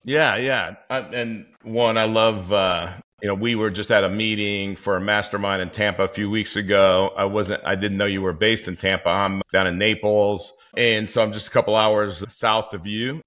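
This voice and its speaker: A man's voice: lowish voice, steady tone, moderate pace, few pauses, a bit bright. A man hosting a podcast interview, chatty and rambling, poking fun at himself. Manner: chatty, rambling, self-deprecating. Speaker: podcast host. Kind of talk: casual interview chat.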